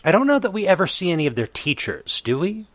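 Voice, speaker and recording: A man co-hosting a podcast, speaking in a thoughtful, measured way with the odd stumble. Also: high-pitched, sing-song, no room sound. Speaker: podcast co-host. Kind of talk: casual chat reviewing a cartoon.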